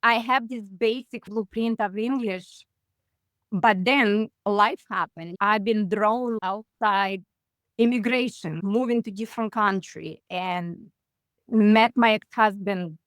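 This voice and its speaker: A woman in her forties from Russia with a Russian accent, chatting as a guest on a video call, halting and full of fillers. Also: medium pitch, fairly bright tone, dry recording. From Russia (far east). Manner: halting, many "like" fillers, simplified grammar. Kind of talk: casual interview over video call.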